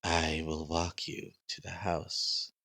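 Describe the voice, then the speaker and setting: A man voicing a quiet, formal male gatekeeper servant, speaking slowly and softly. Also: sits low, flat delivery, vocal fry, no echo, clean studio sound, exaggerated voice. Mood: solemn. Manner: slow, hushed and formal.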